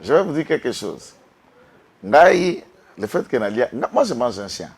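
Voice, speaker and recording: A man's voice: mid-range voice, big pitch swings, normal speed, breathy edge. A man from Congo, speaking with passion as a guest on a political talk show and mixing in Lingala. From Congo-Kinshasa. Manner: impassioned, switches between French and Lingala, rises to outbursts.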